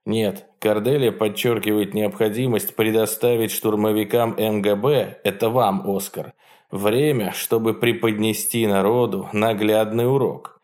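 A dry, faintly ironic political leader with a paranoid streak, as a male audiobook reader puts him on. His voice is low and his tone stays flat and wry. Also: a little slow, natural voice.

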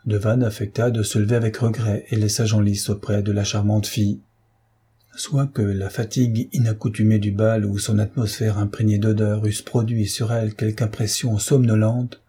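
A man reading a historical novel aloud in a measured, even storytelling manner. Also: fairly low pitch, breathy edge. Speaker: audiobook reader.

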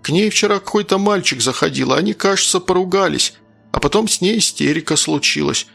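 A male narrator plays a sly stepfather soothing in a falsely gentle tone, a little higher than normal. His voice is gravelly, with faint music beneath. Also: brisk, heavily acted. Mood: coaxing.

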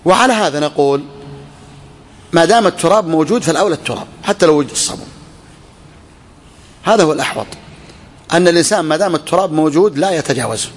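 Man, religious scholar, lecture, repeats phrases, raised pitch, reverberant hall. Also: lively intonation, rapid-fire, long pauses. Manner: repeats key phrases, asks and answers questions. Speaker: Islamic scholar teaching a fiqh text. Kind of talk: classroom lecture on a text.

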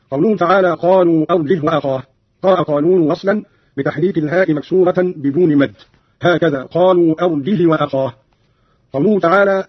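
A man presenting a formal radio lesson, explaining reading variants in a measured, precise way and quoting verses as examples, on a dull lo-fi radio recording. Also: on the high side, slightly rough, dry recording.

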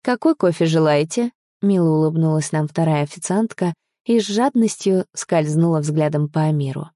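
A woman's voice: sits low, normal speed, mellow, no echo, clean studio sound. A woman narrating a first-person romance audiobook, voicing the heroine with emotion.

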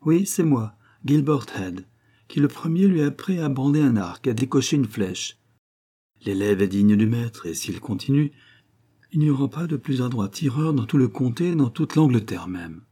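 A man's voice: mid-range voice, expressive, moderate pace, mellow, husky, pitched above the performer's own voice. A man voicing a kindly old forester, a father who is mock-severe at first, then fond and proud. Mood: proud, earnest.

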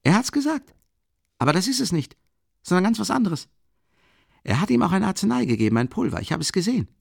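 A man reading an audiobook voices a drunk, rapturous young man who babbles in an excitable, gushing rush. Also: sits high, fairly quick, gravelly, dry recording, clean studio sound, voice pushed up, exaggerated voice. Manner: excitable, gushing, tumbling speech. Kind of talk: audiobook character voice.

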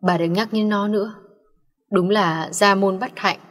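A woman's voice: mid-range voice, steady tone, a little slow, fairly bright tone. A woman doing a stern, agitated old father. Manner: urgent, demanding questions. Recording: long reverb.

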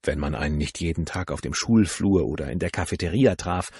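A man reading a novel aloud as an audiobook narrator, in a calm, measured way. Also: low voice, husky, no room sound. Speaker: audiobook reader.

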